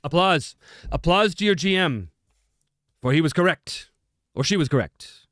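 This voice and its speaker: Lively, dry-miked stream host man. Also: on the high side, moderate pace, dry recording. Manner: chatty, self-interrupting, laughs often. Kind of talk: casual live-stream chat reading comments.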